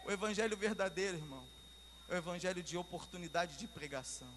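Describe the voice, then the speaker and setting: High, bright-voiced preacher man. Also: fast talker. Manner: storytelling, rising to fervent emphatic preaching. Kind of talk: sermon. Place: church hall. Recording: reverberant church hall, faint hum.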